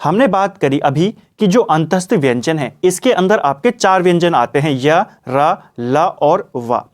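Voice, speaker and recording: A young man with a high voice teaches an exam-prep grammar lesson. He explains each answer step by step and keeps reminding students what to remember. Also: lively intonation, unhurried. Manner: explanatory, repeats "ठीक है" and "ये आपको याद रखना है".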